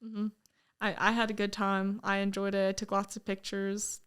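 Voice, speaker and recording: Young female podcast guest, smooth clear voice, relaxed upbeat storyteller. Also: medium pitch, moderate pace. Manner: easygoing storyteller, laughs along, upbeat. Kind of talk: casual chat.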